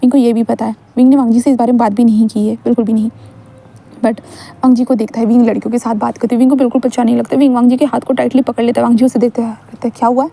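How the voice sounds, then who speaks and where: A woman's voice: fairly high pitch, flat delivery, racing, creaky, warm tone. A woman casually narrating a fan-fiction story and chatting directly to her listeners.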